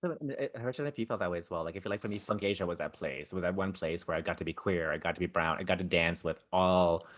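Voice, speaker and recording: A man's voice: low voice, fast talker, hardly any pauses, fairly bright tone. A man hosting a podcast in casual chat, telling stories eagerly and chattily. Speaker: podcast host.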